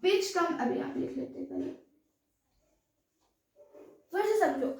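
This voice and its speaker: A woman's voice: very high-pitched, expressive, slow. A woman teaching a science class, explaining step by step in Hindi mixed with English terms and often asking if there are doubts. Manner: mixes English terms into Hindi, repeats checks like "any doubt". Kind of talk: classroom lecture. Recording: echoey room, voice from far off.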